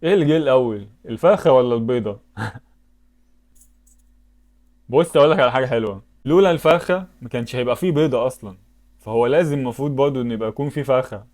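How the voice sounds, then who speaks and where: A man's voice: medium pitch, rapid-fire, long pauses, darkish tone. A man with an Egyptian Arabic accent giving casual commentary while playing web games, thinking aloud and breaking into sudden exclamations. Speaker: YouTuber.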